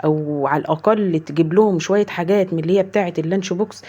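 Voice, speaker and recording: A woman's voice: fairly low pitch, racing, dark tone. A woman in her thirties with an Egyptian accent, a mother chatting earnestly with her viewers, swearing oaths often and retelling conversations. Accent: Egyptian Arabic. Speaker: mother vlogger. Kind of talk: heartfelt casual chat to viewers.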